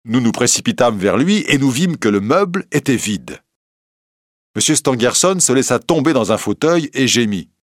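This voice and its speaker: A man narrating an audiobook in a measured, expressive reading style. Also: mid-range voice, no echo, clean studio sound.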